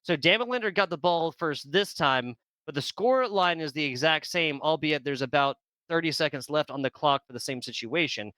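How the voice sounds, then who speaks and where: A man calling a video game football match as play-by-play commentator, chatty and quick to laugh. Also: on the high side, expressive, bright, forceful tone, no echo. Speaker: esports commentator.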